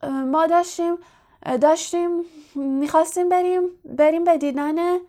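A woman voicing a nervous schoolboy wizard in an audiobook reading, hurried and stammering. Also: extremely high pitch, fairly even intonation, dark tone, voice pushed up.

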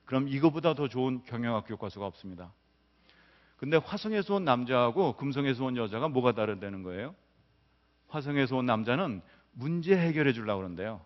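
A man's voice: medium pitch, a little fast. A middle-aged male professor delivers a public lecture and spins anecdotes, acting out each quoted line. His voice carries the long reverb of a large hall. The recording is dull and lo-fi. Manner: lively storyteller acting out quotes. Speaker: business professor. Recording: roomy hall, dull lo-fi sound.

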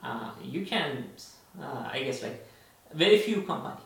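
Co-hosting a relaxed podcast conversation, an Iranian man speaks in a mid-range, gravelly, fairly bright voice that's animated yet a little slow. He hesitates often, filling gaps and restarting sentences. A distant mic in a very echoey room captures him.

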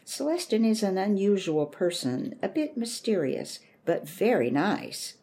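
A woman reading the lines of a kind, thoughtful father who is a country doctor, with a calm, measured delivery. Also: medium pitch, slight background noise, pitched above the performer's own voice. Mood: gentle.

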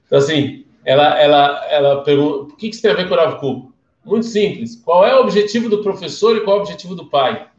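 He's a Brazilian speaker with a Brazilian Portuguese accent whose slightly high voice is animated and quick, barely pausing as he teaches a casual live-streamed class. Chatty and story-driven, he keeps questioning his listeners, while the reverberant audio loses its highs.

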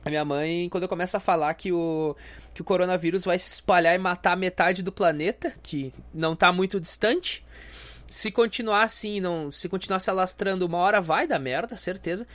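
A man's voice: high-pitched, a little fast, fairly bright tone. A young man with a stuffy nose, hosting a crude, self-mocking comedy podcast rant. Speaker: podcast host.

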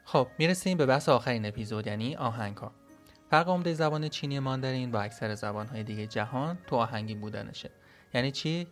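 Guy teaching a podcast lesson, mid pitch, says example sounds out loud, faint music under him. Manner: explanatory, models sounds aloud. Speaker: language teacher.

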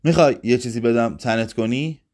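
A man doing a blunt, gruff young man. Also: mid-range voice, a little mellow, lightly acted. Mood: gentle.

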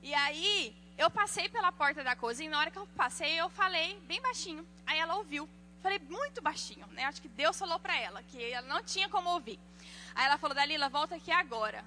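A woman giving a sermon on parenting, telling lively personal stories and acting out the voices of the people in them. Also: high-pitched, fast, slight background noise. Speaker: church speaker.

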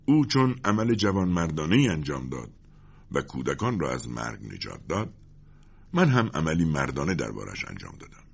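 Man doing a calm noble young commander, low husky voice, lo-fi sound. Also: full character voice. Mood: resolute. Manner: calm, resolute.

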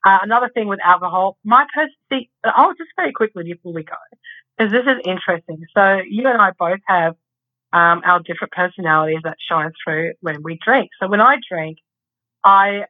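A rambling, chatty woman co-hosting a podcast, speaking at an ordinary middle pitch. She swears casually as she talks. The recording sounds a little dull and lo-fi. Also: a little fast. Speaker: podcast co-host. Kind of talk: casual chat.

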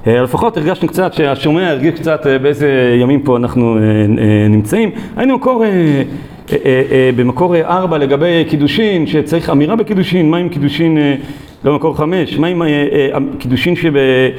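A man giving a recorded Torah lesson, speaking haltingly with many drawn-out filler sounds. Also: fairly high pitch, a little mellow. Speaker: Torah teacher.

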